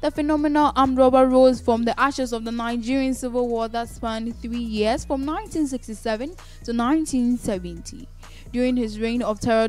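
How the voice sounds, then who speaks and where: Higher-pitched woman narrating over music. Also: darkish tone. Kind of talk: scripted documentary narration. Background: background music.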